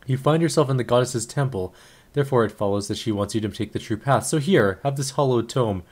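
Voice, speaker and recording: A man's voice: medium pitch, fairly quick, a little mellow, lightly acted. A man voicing a zealous male cult priest who talks in pompous, ceremonial phrasing. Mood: solemn.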